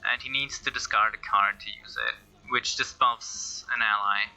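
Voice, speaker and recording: A man's voice: on the low side, fairly even intonation, normal speed, sharp tone, soft background music, low-quality recording. A man giving casual game commentary, thinking aloud in a hesitant way. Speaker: gameplay commentator.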